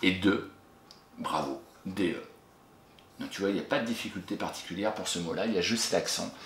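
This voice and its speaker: A man teaching a young child, spelling words slowly letter by letter and warmly praising answers he pretends to hear. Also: deep voice. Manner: encouraging, talks to an absent pupil and pauses for answers. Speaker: primary school teacher. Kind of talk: recorded spelling lesson for a child. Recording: echoey room with faint noise.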